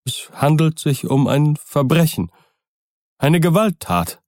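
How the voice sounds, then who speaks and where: A man's voice: on the high side, lively intonation, a little slow, darkish tone, no echo, studio quality, voice pushed up. A man voicing a frightened, trembling old male servant who speaks in an agitated, pleading way. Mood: fearful.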